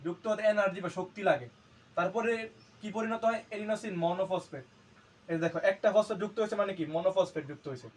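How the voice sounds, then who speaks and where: A male teacher giving a classroom lecture, asking questions and answering them himself and repeating key terms to drill them. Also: high-pitched. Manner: asks and answers his own questions.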